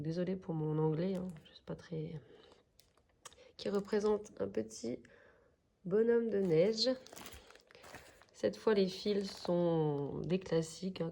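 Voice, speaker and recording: A crafts vlogger with a French accent chats casually while unboxing craft kits. Her voice is medium-pitched, creaky, and dark, and she talks slowly and hesitantly, full of fillers.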